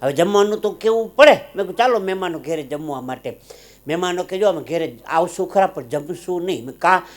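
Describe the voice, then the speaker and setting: A man telling comic stories on stage at a live show, and acting out the characters in his jokes in loud, high voices. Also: expressive, a little fast. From Gujarat, India. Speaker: comedian. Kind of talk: live stand-up storytelling.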